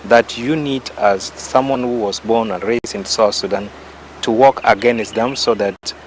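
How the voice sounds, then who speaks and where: A man's voice: fairly low pitch, measured pace, slight background noise, rough recording. A man hosting a radio interview, asking long, winding questions with emphatic stresses. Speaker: radio host.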